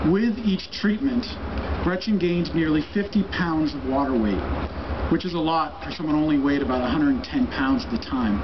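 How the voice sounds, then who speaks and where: A man with a slightly high voice gives a prepared acceptance-style speech to raise funds. He speaks earnestly and in measured phrases. The recording is dull and muffled, with clear noise behind him. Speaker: speaker at a cancer research fundraiser.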